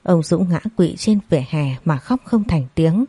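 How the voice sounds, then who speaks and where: A woman reads a family melodrama aloud in a steady, dramatic manner. Her voice is low and mellow. The recording is dry and close. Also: moderate pace, husky, no echo. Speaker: narrator. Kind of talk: scripted audio story narration.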